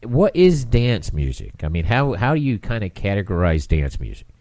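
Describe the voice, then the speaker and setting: A man's voice: on the low side, very animated, moderate pace, a little mellow, no room sound. A male radio host with a stuffed-up nose, chatting in a rambling way and often restarting his phrases. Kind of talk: casual radio interview.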